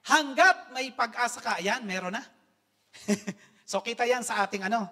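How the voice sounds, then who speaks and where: A middle-aged man from the Philippines giving an earnest testimony sermon to his congregation, often slipping into English and building to loud exhortation. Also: very high voice, normal speed. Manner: earnest, addresses the congregation as brethren, mixes English phrases. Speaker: lay preacher sharing testimony.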